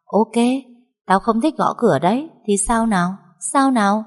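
A spiteful stepmother sneers and taunts in a raised, pitched-up voice, as a woman narrator puts her on. Every line drips with contempt. A long reverb trails the storybook reading. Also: normal speed, natural voice. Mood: taunting. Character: cruel mocking stepmother woman.

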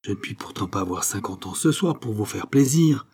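A man's voice: fairly low pitch, expressive, brisk, a little mellow, slightly rough. A man voicing an impetuous, sulky young nobleman who exclaims petulantly, read in an audiobook. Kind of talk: audiobook character reading.

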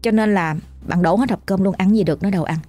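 A woman's voice: mid-range voice, fast talker, dark tone, no echo. Chatty Southern Vietnamese woman storyteller. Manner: chatty, addresses listener directly. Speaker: ghost story narrator. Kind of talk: casual storytelling narration.

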